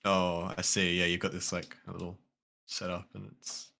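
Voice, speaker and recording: A man's voice: low-pitched, completely flat delivery, moderate pace, gravelly, bright, forceful tone. An Australian man chatting casually while building in a game, rambling eagerly through ideas. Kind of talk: casual gaming chat.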